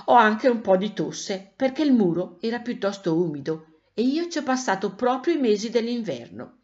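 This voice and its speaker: A woman's voice: mid-range voice, sing-song, moderate pace, a little mellow, close to an everyday voice. A woman voicing a small lame chalk-drawn talking cat with a thin little voice and a slight cough, friendly and explanatory, in a dull lo-fi recording. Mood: chatty.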